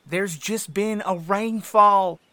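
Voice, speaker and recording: A man's voice: sits high, fairly even intonation, takes it slowly, pushed and bright, voice pushed up, full character voice. A man voicing a patronizing male state trooper with a drawling, condescending manner. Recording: music playing under the voice.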